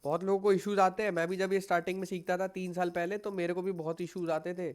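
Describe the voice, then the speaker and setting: A man's voice: sits high, flat delivery, fast talker, a little mellow. A young man giving a live online coding class, patiently guiding students through errors and mixing English tech terms into his speech. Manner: patient, reassuring, mixes English tech words into Hindi. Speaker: coding instructor.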